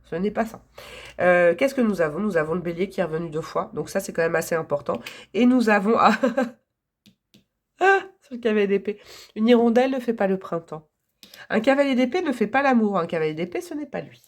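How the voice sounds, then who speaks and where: A hoarse woman giving a casual, enthusiastic tarot reading to her viewers, chatty and quick to laugh. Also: mid-range voice, animated. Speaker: tarot reader.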